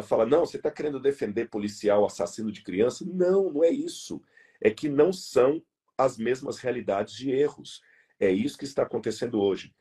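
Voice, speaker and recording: Very husky, low Brazilian man. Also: mellow. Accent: Brazilian Portuguese. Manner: emphatic, repeats key words and restarts phrases. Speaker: interview guest. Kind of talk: earnest conversational argument.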